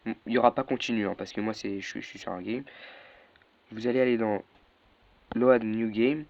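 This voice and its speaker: A man's voice: on the low side, fairly even intonation, moderate pace, creaky, no room sound. A young man walking through a casual tutorial, hesitant, with many fillers and self-corrections. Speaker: tutorial maker. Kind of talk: casual screen-recorded tutorial. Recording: dull lo-fi mic with faint noise.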